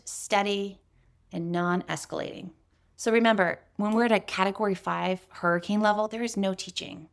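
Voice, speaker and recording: A woman hosting a parenting podcast, giving steady, step-by-step scripted talk. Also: medium pitch, creaky. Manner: steady, instructive, lists steps.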